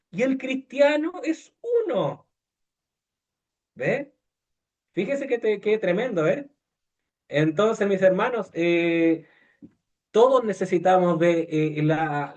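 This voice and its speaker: A man delivers a conversational sermon packed with fillers, hesitations and restarts, frequently putting questions to his listeners and acting out quoted voices. His voice sits high with a darkish tone, and the audio is dull.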